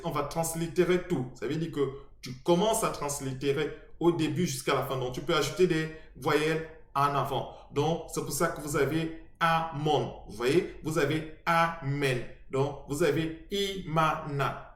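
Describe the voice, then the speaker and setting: Male presenter, slightly high voice, halting explanatory delivery, echoey room. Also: fairly bright tone. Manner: hesitant, many restarts and fillers, spelling out letters. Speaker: teacher presenting a video lesson. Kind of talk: informal explanatory lesson to camera.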